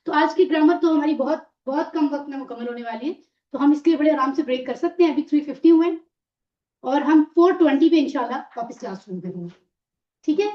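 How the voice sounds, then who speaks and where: High-voiced woman teaching in an echoey room. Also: lively intonation. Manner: warm explanatory, mixes English words into the talk. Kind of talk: religious lesson to a class. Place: classroom. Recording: echoey, distant, dull classroom sound.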